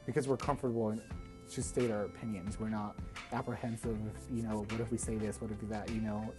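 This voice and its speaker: A woman's voice: a bass voice, flat delivery, fast talker. A woman college student speaking thoughtfully, with frequent fillers, in a documentary interview. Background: background music.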